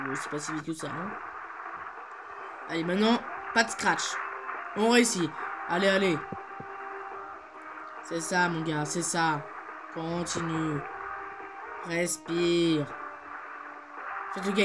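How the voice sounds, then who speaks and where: A man's voice: fairly high pitch, fairly even intonation, unhurried, pauses often, heavy background noise. A teenage boy hosting a video, giving rambling, playful commentary on a game with many hesitations. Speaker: gaming video host. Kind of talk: casual gameplay commentary. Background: game music.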